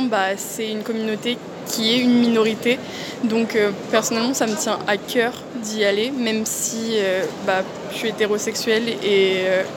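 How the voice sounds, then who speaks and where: A woman answering a street interview earnestly, halting now and then with fillers. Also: on the high side. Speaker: interviewee at a march. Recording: outdoor street noise.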